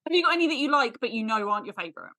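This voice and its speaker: A woman's voice: on the high side, very animated, very fast, pushed and bright. A woman co-hosting a podcast, chatting casually, playful and laughing often. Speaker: podcast co-host. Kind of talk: casual chat.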